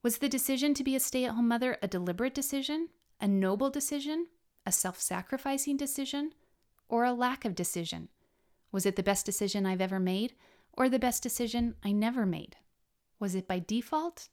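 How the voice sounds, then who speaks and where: A woman narrating her own memoir in a scripted audiobook style, with measured, expressive literary phrasing. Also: on the high side.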